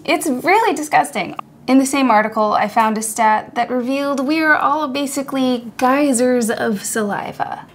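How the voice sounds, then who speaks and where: A woman's voice: high-pitched, normal speed, slight background noise. A woman hosting a podcast, narrating a scripted essay in a casual, wry, conversational way with chatty asides. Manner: casual, wry, conversational, laughs at own jokes. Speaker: podcast host.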